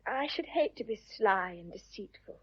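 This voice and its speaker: A woman's voice: medium pitch, animated, moderate pace, husky. A woman playing a young married Englishwoman who speaks in a fond, teasing way in a radio play. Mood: tender. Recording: dull lo-fi recording.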